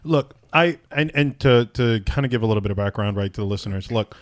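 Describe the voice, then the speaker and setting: A man from Puerto Rico hosting a podcast, chatting casually with lots of restarts and fillers. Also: on the low side. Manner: halting, many restarts and fillers. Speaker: podcast host.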